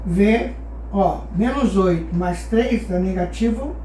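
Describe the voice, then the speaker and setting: A woman speaks slowly in a dark, mid-range voice while teaching geometry, patiently asking her class questions and answering them herself. Her voice is distant from the mic, with room echo and slight background noise.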